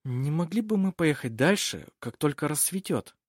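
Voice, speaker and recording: A hesitant, worried young traveler in an audiobook, voiced by the narrator. The delivery is lively in pitch and recorded dry. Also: male voice, moderate pace, husky, no echo. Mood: uneasy. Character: uneasy young male traveler, a nephew.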